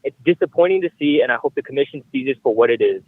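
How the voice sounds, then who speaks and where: Fast, earnest man caller on the phone. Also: medium pitch, lively intonation, slightly rough. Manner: earnest, urgent. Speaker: public comment caller. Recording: tinny dry phone line.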